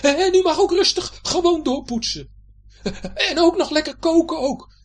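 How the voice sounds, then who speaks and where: A woman's voice: very high-pitched, normal speed, voice pushed up. A woman voicing a timid young male pirate sailor who stammers and pleads in a storybook reading. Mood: frightened pleading.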